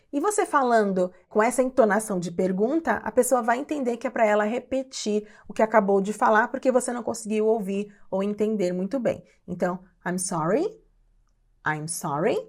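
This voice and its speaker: A woman with a Brazilian Portuguese accent teaching an English lesson, saying each English phrase slowly and spacing out the syllables. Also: a little high, darkish tone. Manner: slow and clearly spaced, repeating English phrases syllable by syllable. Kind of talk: online language lesson.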